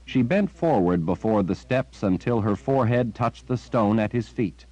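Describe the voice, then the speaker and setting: A man reading a fantasy novel as audiobook narrator, in measured scripted narration. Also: fairly low pitch, dark tone, low-quality recording.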